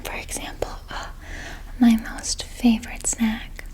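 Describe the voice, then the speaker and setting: A woman doing a whispered role-play as a gentle, nurturing flower fairy, in a soft breathy whisper with a soothing, unhurried manner. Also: on the high side, monotone, rough recording.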